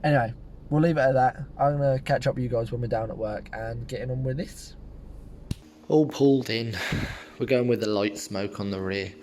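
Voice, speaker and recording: Young man, casual car vlog chat, relaxed and rambling, voice going hoarse, mid-pitched. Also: normal speed. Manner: chatty, relaxed, rambling with fillers. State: losing his voice. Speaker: car detailing vlogger.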